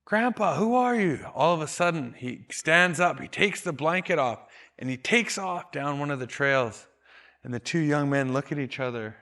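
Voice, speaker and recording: A man telling a traditional story in a calm, measured, deliberate way. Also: a little high. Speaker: storyteller and educator.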